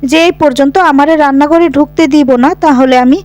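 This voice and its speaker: Woman reading as a sulky young woman, teasing, rustic phrasing, high voice, quick. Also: fairly even intonation, a little mellow, natural voice. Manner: teasing, rustic turns of speech. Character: feisty young woman, sulking and sharp-tongued.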